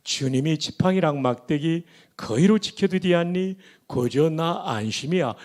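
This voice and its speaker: A pastor voicing a blunt man reciting a psalm in a Pyongan accent, loud and emphatic. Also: a little high, lively intonation, a little slow. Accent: Pyongan dialect.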